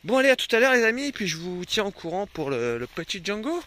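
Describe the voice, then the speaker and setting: A young man vlogs casually to camera beside a river, chatting with viewers and his dogs and swearing when something annoys him. His voice is high and fast, with big swings in pitch and a sharp edge, over slight background noise.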